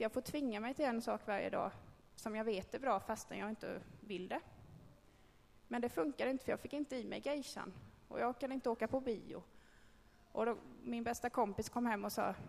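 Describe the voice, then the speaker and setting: A woman's voice: fairly high pitch, vocal fry, a little mellow, big-room sound, a little hiss or hum. A woman giving a candid, conversational personal testimony to a group, with frequent hesitations. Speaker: speaker telling a personal faith story.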